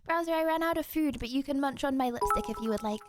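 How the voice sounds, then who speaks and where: A woman livestreamer chatting excitedly and thanking viewers, exclamatory and often repeating her words. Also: high-pitched, fast talker, loud music behind the voice. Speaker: live streamer.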